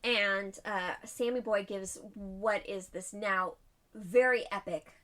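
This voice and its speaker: A woman's voice: medium pitch, steady tone, takes it slowly, fairly bright tone. A woman co-hosting a comedy podcast, telling a history story in a playful, chatty way and laughing often. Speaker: podcast co-host.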